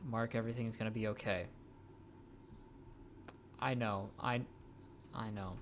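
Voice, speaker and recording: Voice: medium pitch, steady tone, unhurried, slight background noise. A game streamer giving playful commentary, stammering and talking to the game's characters.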